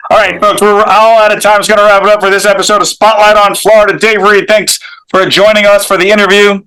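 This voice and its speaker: A man's voice: sits high, flat delivery, quick pace, sharp tone, clean tone, poor audio. A man hosting a studio interview show, talking with enthusiastic, effusive praise. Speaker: show host.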